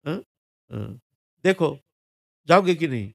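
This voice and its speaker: A man voicing a poor young Brahmin who is at the end of his rope. He pleads, scolds and insists in a high, strained voice. The sound is gravelly, close and dry. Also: expressive, slow, no room sound, heavily acted. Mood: desperate threatening.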